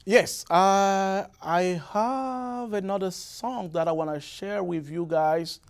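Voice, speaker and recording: A man whose voice sits high answers interview questions as a musician guest in a radio or TV studio. He comes from the Republic of the Congo, grew up speaking Lari, and stumbles along with frequent fillers and restarts.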